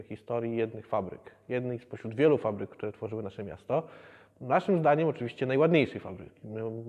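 Man in his thirties, museum guide, measured, pauses with fillers, long reverb, dull lo-fi sound. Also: mid-range voice, darkish tone. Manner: measured, with frequent hesitation fillers. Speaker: museum educator. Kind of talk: explanatory museum presentation. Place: museum exhibition hall, indoors.

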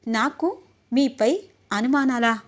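A woman's voice: on the high side, fairly even intonation, takes it slowly. A woman reading the part of a playful, devoted young wife in a retold serial scene. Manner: teasing, then tender.

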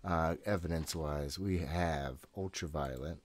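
An extremely low-pitched, unhurried male voice belongs to a streamer in his thirties playing a horror game. Talking to himself, he's jumpy and swears freely throughout his casual commentary, captured on a desk microphone close to his mouth in a small room at home.

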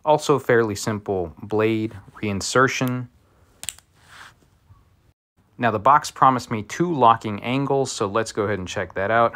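A fairly low-pitched man talks through a casual tool review. He keeps it relaxed and slips in wry, joking asides as he goes.

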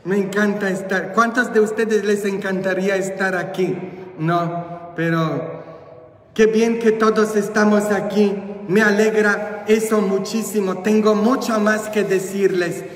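Priest guy, high voice, slow talker, teasing the crowd, echoey church far from the mic. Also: fairly even intonation. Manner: joking, teasing the congregation. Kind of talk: sermon at a church retreat.

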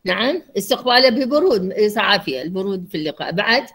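Iraqi woman doctor teaching a class, fast, voice jumps all over, asks the students stuff. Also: medium pitch. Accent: Iraqi Arabic. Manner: lively, explains with acted examples and questions to students. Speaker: lecturer and doctor. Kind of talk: university lecture.

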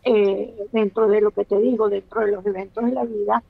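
A woman's voice: mid-range voice, level tone, moderate pace, gravelly, breathy edge, no room sound, narrow, tinny audio. A Venezuelan woman in her sixties, a guest speaking on a video call, thoughtful and hesitant with many restarts. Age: 60s. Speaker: guest, actress. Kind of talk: casual interview chat.

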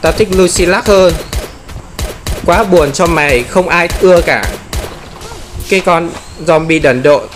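A man giving excited gameplay commentary, often exclaiming and playfully taunting enemies. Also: fairly high pitch, unhurried, long pauses, noisy background.

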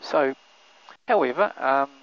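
An older New Zealand pilot gives relaxed commentary from a small aircraft cockpit in flight, speaking slowly at medium pitch with plenty of fillers. He talks through an aviation headset boom mic, and the intercom audio is muffled under the drone of the engine.

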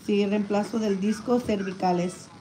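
A woman's voice: medium pitch, unhurried, crowd noise, low-quality recording. A woman vlogging a family hospital visit, chatting and teasing casually in a mix of Spanish and English. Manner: joking, teasing, playful. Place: hospital room. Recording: hospital room with steady background noise.

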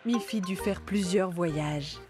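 A woman narrating a children's storybook cartoon in a gentle sing-song reading. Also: fairly low pitch, slow pace, over music.

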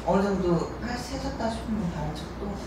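In a bright living room with a wooden floor, a young female stretching instructor walks through calf stretches one step at a time, demonstrating as she goes. Her mid-range voice is animated and brisk, though patient. The room echoes, the mic sits far away, and a loud music bed adds background noise.

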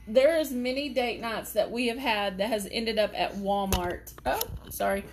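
Chatty high-voiced woman. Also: a little hiss or hum. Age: middle-aged. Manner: chatty, laughs often, talks to pets. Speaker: hair tutorial vlogger. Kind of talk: casual live chat while styling hair. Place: home office.

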